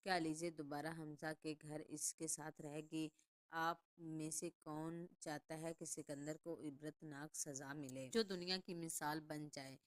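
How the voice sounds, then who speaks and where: A woman's voice: low-pitched, little pitch movement. A woman narrating a scripted drama recap in a dramatic, suspense-building way. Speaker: channel narrator.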